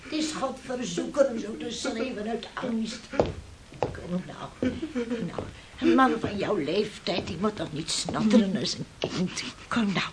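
In a Dutch radio play, an actress voices a stern, desperate, middle-aged fisherman's mother who alternately bullies and coaxes. She scolds and exclaims, then turns to pleading, with a coaxing, tender mood. Her natural, mid-range voice is unhurried against some background noise.

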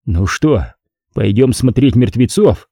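A man's voice: mid-range voice, animated, slow, mellow, husky, no room sound, studio quality, heavily acted. A man voicing a cynical male gangster with a blunt, sardonic way of talking.

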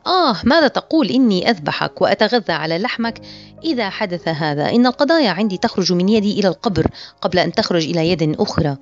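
Possessive, teasing lover, read by a woman, fast, muffled audio. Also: lowish voice, expressive. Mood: fierce. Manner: mocking and playful. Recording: muffled lo-fi audio with faint music.

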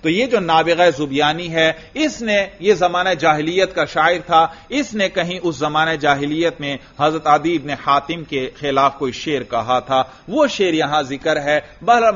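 A man giving a classroom lecture on Arabic grammar as a religious teacher, chanting verses slowly and putting questions to his students. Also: a little high, fairly bright tone. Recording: dull lo-fi lecture recording.

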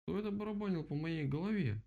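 A man's voice: high voice, fast talker, vocal fry, mellow, dull audio, voice pushed up. A man doing a bewildered female owl. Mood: puzzled.

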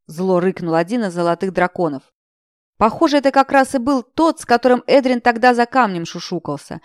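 A woman's voice: fairly high pitch, lively intonation, a little fast, dry recording, studio quality. A woman narrating a fantasy audiobook in the first person, expressively.

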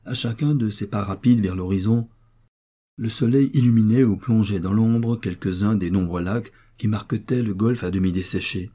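Male audiobook narrator, dark mellow tone, measured delivery. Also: fairly low pitch, breathy edge. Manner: measured, descriptive storytelling. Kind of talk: scripted narration of a classic novel.

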